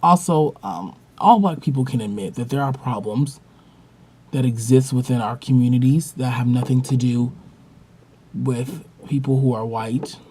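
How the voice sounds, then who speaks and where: A young man with a husky, slightly breathy voice hosts a casual video monologue. His pitch sits mid-range. He leans hard on his points and tells his stories with emphasis. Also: normal speed, darkish tone. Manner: emphatic, storytelling with acted-out quotes. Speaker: vlog host.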